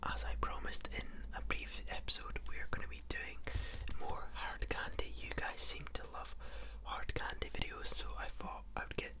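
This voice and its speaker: This ASMR channel host has a touch of a cold, and it shows in his croaky whisper. Seated at an indoor table, he reads aloud slowly in a soft, unvoiced murmur with no rush at all.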